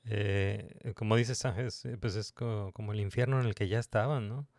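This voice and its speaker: A man's voice: lowish voice, fairly even intonation, moderate pace, a little mellow, no room sound, studio quality. A man talking casually, hesitant, with many fillers and restarts as he asks questions. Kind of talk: casual conversation about a series.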